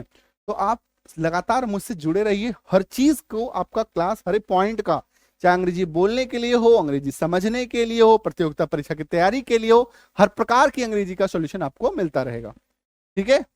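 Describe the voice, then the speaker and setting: On a YouTube English lesson, a man with a notably high voice teaches pronunciation in an animated, fairly quick way, repeatedly asking "ठीक है?" and "है ना?" to check viewers understand. He stresses key sounds loudly, then drops back to a conversational tone, in a close, dry recording without room sound.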